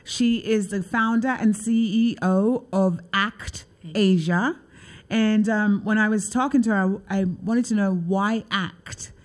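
A woman's voice: medium pitch, slow pace. A woman hosting a talk show, chatting loosely with lots of filler words. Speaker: show host. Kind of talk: casual interview chat.

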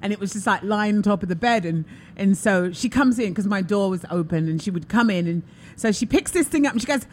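A woman hosting a talk radio show, telling stories in an animated way, laughing and acting out quotes. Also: mid-range voice, fairly quick, slight background noise. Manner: animated storyteller, laughs often, acts out quotes. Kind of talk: casual radio chat.

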